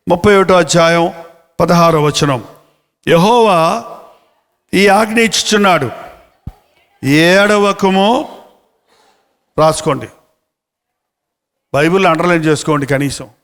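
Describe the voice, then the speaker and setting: A male evangelist preaching a sermon in a Telugu accent, asking his listeners questions and reading scripture slowly. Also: on the high side, a bit bright. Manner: asks the audience questions, drawls scripture slowly. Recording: long hall reverb.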